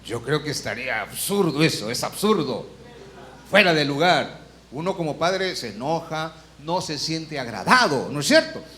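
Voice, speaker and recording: A pastor delivers a sermon to his congregation in a church, his fairly high, sing-song voice pushed and bright over a faint hiss or hum. He asks frequent rhetorical questions and acts out complaining voices as if in quotes. On emphatic Bible quotations he slows down and his pitch rises.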